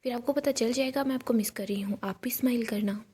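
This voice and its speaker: A woman voicing a little girl who gently coaxes a sad adult to cheer up. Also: on the high side, fast, slightly rough. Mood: coaxing.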